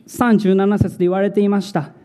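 A male pastor preaching a sermon in a slow, dramatic way, repeating words for emphasis. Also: sits high, flat delivery, mellow.

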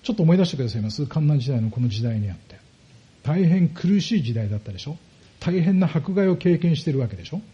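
A pastor preaching a sermon, explaining step by step and putting rhetorical questions to the congregation. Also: male voice, on the high side, sing-song, fast talker, warm tone, highs cut off.

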